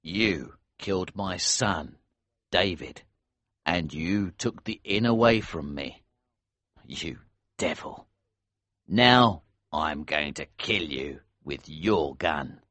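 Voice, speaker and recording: Man as a grim vengeful smuggler, very deep voice, sharp bright edge, cold and measured, dry close sound. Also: husky, no room sound, exaggerated voice. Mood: cold anger. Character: grim, vengeful older male innkeeper and smuggler. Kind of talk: audiobook character voice.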